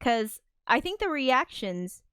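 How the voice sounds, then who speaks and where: A woman's voice: sits high, big pitch swings, takes it slowly, fairly bright tone, smooth, no room sound, clean studio sound. A woman hosting a casual livestream, chatting loosely about an old film, reading out viewer comments and laughing often. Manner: reads out viewer chat comments. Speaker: livestream host.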